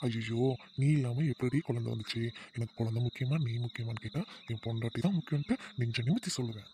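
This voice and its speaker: A man's voice: mid-range voice, fast talker, darkish tone, slight background noise, close to an everyday voice. A man playing a doting young husband who talks to his wife affectionately and teases his mother. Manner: playful, teasing, affectionate. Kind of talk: family comedy skit acting.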